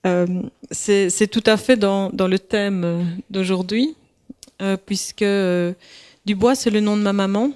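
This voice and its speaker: A woman's voice: mid-range voice, fairly even intonation, measured pace, a little mellow, clean tone. A woman, an author answering questions hesitantly. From Belgium. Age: 50s. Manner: hesitant, frequent "euh". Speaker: author and illustrator.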